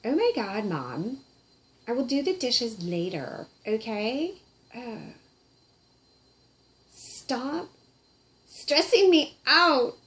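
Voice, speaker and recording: A woman's voice: on the high side, big pitch swings, drawn-out words, long pauses, fairly bright tone, pitched above the performer's own voice, heavily acted. A woman voicing a bratty teenage girl puppet who whines and complains at her mother. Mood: whiny. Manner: whiny, exasperated.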